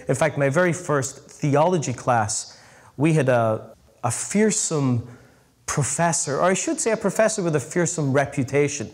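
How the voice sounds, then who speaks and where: A middle-aged man, a priest, preaching a sermon to a live audience in a lively, emphatic storytelling manner, slowing down to stress key phrases. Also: mid-range voice.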